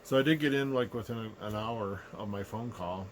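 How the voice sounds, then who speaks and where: A middle-aged man talking casually to camera in a low, unhurried, subdued voice, sick with a sore throat. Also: slight background noise. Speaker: vlogger. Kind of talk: casual personal rant to camera. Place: small living room indoors.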